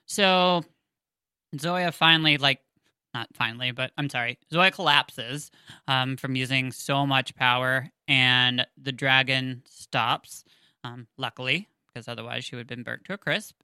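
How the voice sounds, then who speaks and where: A man's voice: medium pitch, fairly even intonation, unhurried, bright, forceful tone, clear, resonant tone, dry recording, clean studio sound. A man hosting a casual book chat. He reads passages aloud and talks in a chatty way, with many fillers and self-corrections. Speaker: book podcast host.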